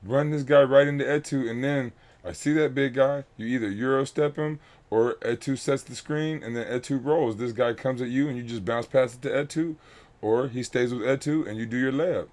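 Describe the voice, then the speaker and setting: A man's voice: medium pitch, steady tone, moderate pace, darkish tone. A man coaching a youth basketball team, breaking down game film for his players in a blunt, instructive way and repeating key points.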